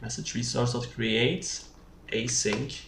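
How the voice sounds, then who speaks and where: A programming tutorial presenter records an unscripted screencast, his slow, gravelly voice sitting at a medium pitch with fairly even intonation. He halts as he thinks aloud while typing. The distant mic in a roomy space picks up clear background noise, including keyboard typing and mouse clicks.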